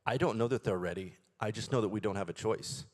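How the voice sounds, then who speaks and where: A man who heads a school, speaking on a conference panel in a steady, earnest way. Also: fairly low pitch, fast. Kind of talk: panel discussion.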